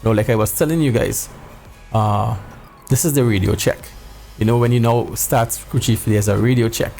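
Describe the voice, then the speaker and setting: Gravelly man. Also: mid-range voice, moderate pace, a little mellow, faint music behind. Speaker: sim racing video host. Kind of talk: casual tutorial talk to viewers. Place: indoor home room.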